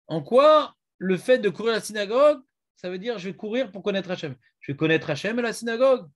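A man's voice: sits high, animated, fast talker. A man teaching a Talmud class, questioning and prodding his students.

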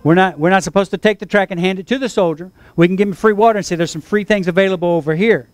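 High-voiced preacher calling out to his church. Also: very fast, dry recording. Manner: preaching with call-and-response, emphatic repetition. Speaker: pastor. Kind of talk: sermon.

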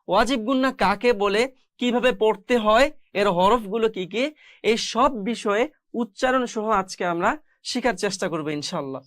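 A woman's voice: on the high side, no echo, clean studio sound. A woman teaching Quran recitation, who spells out each letter and then holds the nasal sounds long. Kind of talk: step-by-step spoken lesson.

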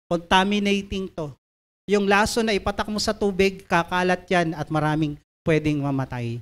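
A woman preacher delivers an emphatic sermon, reading scripture slowly and telling listeners to turn to their neighbors. Her voice sits on the low side with fairly even intonation.

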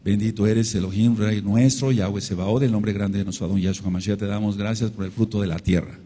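A man's voice: fairly low pitch, steady tone, brisk, dark tone, breathy edge. A man with a Mexican Spanish accent teaching a sermon-style Torah study, repeating phrases for emphasis and calling out amen and hallelujah. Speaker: congregation teacher. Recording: long hall reverb.

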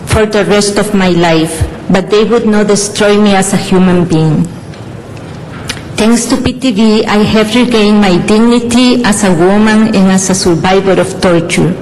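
A woman's voice: medium pitch, darkish tone. Middle-aged woman reading testimony. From El Salvador. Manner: measured, earnest reading. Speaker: community advocate giving testimony. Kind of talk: prepared statement read aloud. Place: council chamber. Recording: council chamber with long reverb, faint noise.

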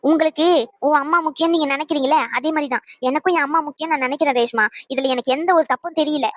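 A woman's voice: sits high, fairly even intonation, racing, no echo, clean studio sound, natural voice. A woman voicing an emotional young mother in a cartoon, defiant and pleading. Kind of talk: cartoon voice acting.

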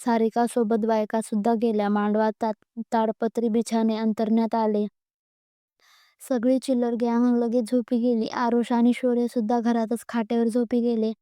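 A woman storyteller reading a scripted narration in a steady, even manner, with occasional slips. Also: on the high side, normal speed, clear, resonant tone, dry recording, studio quality.

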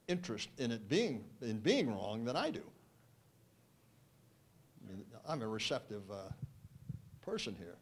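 Older man, guest speaker, wry measured answers, handheld mic, banquet room. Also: mid-range voice. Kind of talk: answering audience questions. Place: wood-panelled banquet room.

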